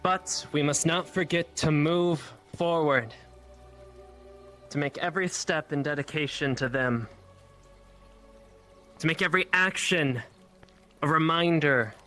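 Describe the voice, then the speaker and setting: A man's voice: a little high, unhurried, pauses often, sharp tone. A man playing an earnest guard leader who gives a formal, resolute memorial address in an online role-play. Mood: solemn resolve. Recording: music behind the voice.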